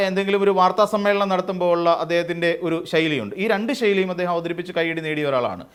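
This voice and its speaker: A man's voice: sits high, smooth. A man hosting his own channel, giving political commentary with a sarcastic, mocking edge. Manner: sarcastic, mocking imitation of critics. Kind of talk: scripted political commentary to camera.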